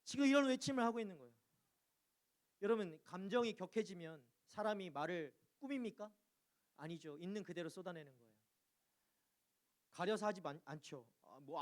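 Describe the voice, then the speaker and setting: A man preaches in a church with a fairly high voice. He presses his listeners with questions and voices heartfelt cries to God. The delivery is emphatic and earnest. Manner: emphatic, questioning the congregation, acting out anguished cries. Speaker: pastor. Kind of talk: sermon.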